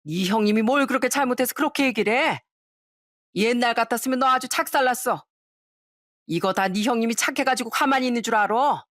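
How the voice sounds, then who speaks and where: Casting: a stern older mother-in-law, played by a woman, scolding loudly with a raised pitch. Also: a little fast, no echo, clean studio sound, lightly acted. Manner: scolding, shouting.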